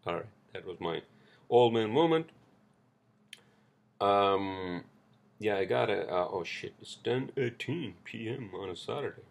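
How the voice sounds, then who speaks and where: A man with a non-native English accent runs a casual solo podcast, rambling with lots of fillers, false starts and swearing. He sounds gravelly and on the low side, animated yet unhurried, and he pauses often.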